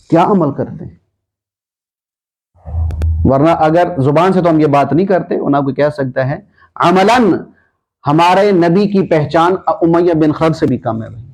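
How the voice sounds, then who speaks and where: A man preacher giving a sermon with dramatic storytelling, swinging between loud and soft. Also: on the high side.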